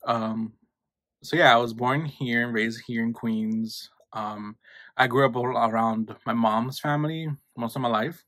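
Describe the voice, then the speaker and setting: A man's voice: mid-range voice, steady tone, a little slow, fairly bright tone, no echo. A man, chatting casually in a snack vlog and switching between English and Spanish. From New York, USA. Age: 20s. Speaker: YouTuber.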